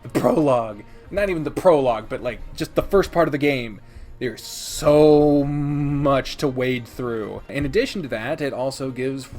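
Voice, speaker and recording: A video host and game reviewer delivers a casual, opinionated countdown of games, rambling and emphatic, with plenty of swearing. His mid-range voice has a measured pace and a darkish tone, and soft music plays in the background.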